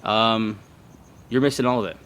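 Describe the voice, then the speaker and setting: A man hosting a casual sports podcast from a backyard at night, joking and swearing, keeping it somewhat quiet for the neighbours. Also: lowish voice, fairly even intonation, normal speed, clear, resonant tone. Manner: profane, joking banter. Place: outdoors in a residential backyard at night.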